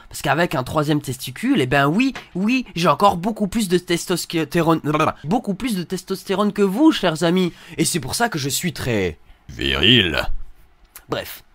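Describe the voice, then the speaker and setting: A man's voice: a little high, a bit bright, no echo. A young man in a dry, close-miked room reacting to hateful comments with mocking irony. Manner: mocking, ironic, reads comments aloud in put-on voices. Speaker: video creator reacting to comments.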